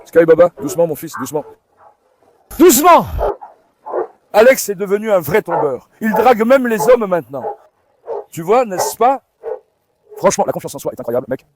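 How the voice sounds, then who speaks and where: High-voiced man vlogging among his dogs. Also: fairly quick, background noise. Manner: coaxing and calming dogs, shouting commands. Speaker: farm dog owner and vlogger. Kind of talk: casual vlog talk to camera and dogs.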